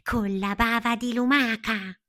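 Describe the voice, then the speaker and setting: A woman voicing a lively, bouncy female caterpillar full of ideas, talking in an excited, high, exclaiming way. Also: measured pace. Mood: eager.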